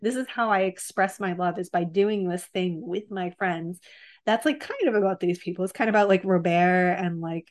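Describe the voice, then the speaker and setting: A woman chatting casually about a film, animated and full of fillers. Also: on the low side, normal speed.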